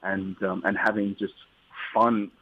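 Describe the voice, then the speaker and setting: A man's voice: fairly low pitch, little pitch movement, measured pace, slight background noise. Upbeat man on a phone line. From Australia. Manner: rambling, upbeat, many restarts. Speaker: musician guest. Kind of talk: casual interview over the phone.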